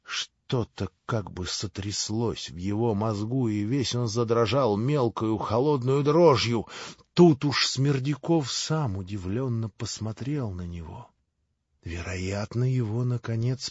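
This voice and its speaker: A male audiobook narrator reads a classic novel in a low, measured way. He speaks slowly and his voice is husky. The recording is dry and dull, with faint music behind him. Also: a little mellow, no room sound. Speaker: audiobook reader.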